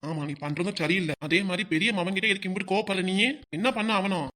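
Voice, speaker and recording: A patient old grandfather in a cartoon, voiced by an actor, pleading and reasoning with his wife in a steady, brisk voice. He speaks a southern Tamil Nadu dialect. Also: medium pitch, lightly acted. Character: patient elderly grandfather, placating husband. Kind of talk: cartoon voice acting.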